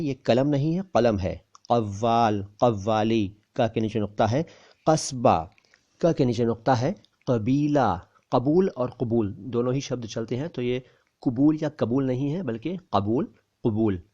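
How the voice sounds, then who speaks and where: A man giving a pronunciation lesson, saying each word slowly and repeating it to contrast the right and wrong sounds. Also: medium pitch, mellow, dull audio. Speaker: language teacher.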